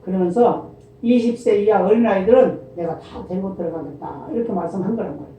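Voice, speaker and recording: A male pastor preaching a sermon, often asking the congregation questions and answering them himself, and reading scripture in a slow, formal cadence. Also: high voice, warm tone, slight background noise. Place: church sanctuary. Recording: echoey church hall from far off, dull lo-fi sound.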